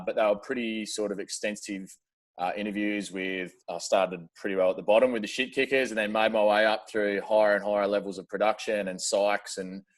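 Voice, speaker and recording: An Australian man in his thirties, a podcast guest telling stories in casual chat, with lots of "uh" fillers and casual swearing. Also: fairly low pitch. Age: 30s. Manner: chatty storyteller, frequent "uh" fillers, casual swearing.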